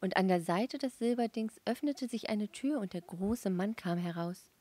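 A woman's voice: medium pitch, moderate pace, warm tone, no room sound, natural voice. A woman voicing a dreamy young Martian wife who eagerly describes a strange dream.

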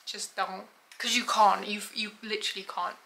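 A woman talks through her vlog from her bedroom in a bright, sharp voice. She chats in a loose, self-mocking way and swears freely. She keeps up a casual, running commentary. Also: medium pitch, flat delivery, normal speed, creaky, a little hiss or hum, low-quality recording. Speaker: vlogger.

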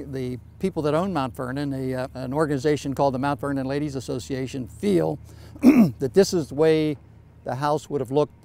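An older man speaking outdoors in a measured, storytelling way as a historical site guide. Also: medium pitch, mellow. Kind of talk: explanatory interview. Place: outdoors on a lawn.

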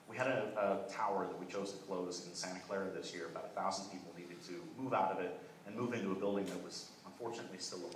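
A young man giving a conference keynote, talking quickly and fluently with frequent "uh" restarts, in a large hall. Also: lowish voice. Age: young adult. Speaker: keynote speaker. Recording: echoey hall, voice from far off, faint noise.

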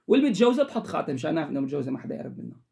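A man's voice: fairly high pitch, big pitch swings, rapid-fire, creaky, a little mellow. A man giving emphatic, lecturing advice straight to the camera as the host of an advice channel. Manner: emphatic, lecturing, repetitive instructions. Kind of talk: direct-to-camera advice monologue.

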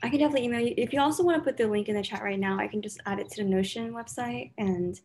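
A woman's voice: a little high, rapid-fire, darkish tone, slight background noise. A woman in her twenties casually moderating an online workshop over a video call. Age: 20s.

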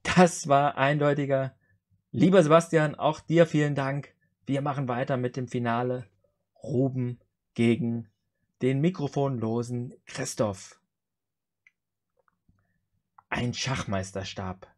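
A man's voice: medium pitch, steady tone, measured pace, darkish tone. A man hosting a joke challenge on a video call, reading out short jokes and acting out their dialogue. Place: indoor room on a video call.

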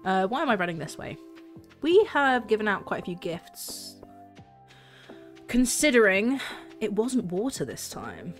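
A woman's voice: medium pitch, big pitch swings, measured pace, long pauses, faint music behind. A young woman chatting and joking while she streams a farming game. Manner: chatty, giggly, self-mocking. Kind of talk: casual gameplay commentary.

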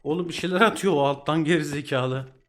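A man's voice: fairly high pitch, brisk, slight background noise. A young man with a Turkish accent doing casual let's-play commentary, reacting with frustrated outbursts and exclamations. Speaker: gaming channel host. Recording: loud game music behind.

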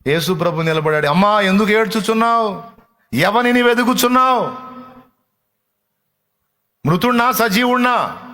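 Dramatic male preacher, fairly high voice. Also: a bit bright. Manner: dramatic, acts out quoted dialogue, rhetorical questions to the congregation. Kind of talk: sermon.

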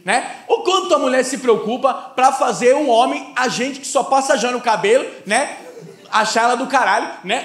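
Fast, brash, high-voiced male comic. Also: a bit bright, a little hiss or hum. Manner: brash, crude, conversational with frequent "né?". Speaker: stand-up comedian and show host. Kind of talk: stand-up routine. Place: comedy stage before a live audience. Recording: echoey live venue.

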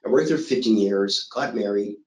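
Low-voiced man telling a motivational story. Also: normal speed, echoey room, poor audio. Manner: storytelling, animated, acts out quoted voices. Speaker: motivational speaker. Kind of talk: motivational talk with personal story.

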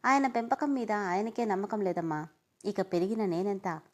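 A woman's voice: medium pitch, moderate pace, natural voice. Woman reading as a scornful, bitter young man. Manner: clipped, scornful retorts. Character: angry bitter young man, cold and defiant.

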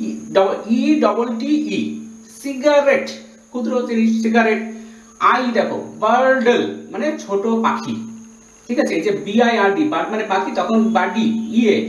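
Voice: mid-range voice, highs cut off. A teacher giving a grammar lesson, explaining step by step and spelling out words letter by letter. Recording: echoey room, voice from a distance.

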